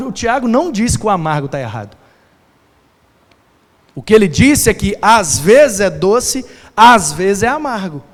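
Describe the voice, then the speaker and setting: A man preaching a sermon as pastor, playful and animated, mimicking sounds and shouting for emphasis. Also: high-pitched. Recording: long hall reverb.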